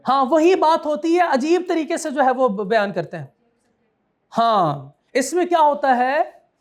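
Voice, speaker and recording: High-voiced male lecturer. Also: expressive, measured pace. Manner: quizzes students, repeats key points. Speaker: accountancy law lecturer. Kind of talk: classroom lecture.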